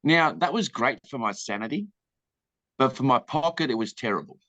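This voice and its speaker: A man's voice: medium pitch, lively intonation, moderate pace, fairly bright tone, no echo. An Australian man, a film director, answering interview questions in a candid, rambling way and acting out the people in his stories. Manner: candid, rambling storyteller who acts out quoted people. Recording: dull lo-fi dry recording.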